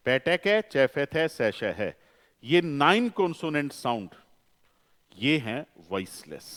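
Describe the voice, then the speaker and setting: A man's voice: medium pitch, big-room sound. A man teaching a phonetics class, asking questions and answering them himself, repeating key terms and mixing in English phrases. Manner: mixes English phrases into the lecture. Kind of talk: classroom lecture.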